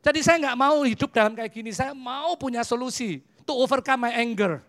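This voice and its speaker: Animated Javanese-accented preacher in their fifties. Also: mid-range voice, normal speed. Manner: animated storyteller who acts out dialogues and mixes in English phrases. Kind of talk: humorous sermon with personal stories.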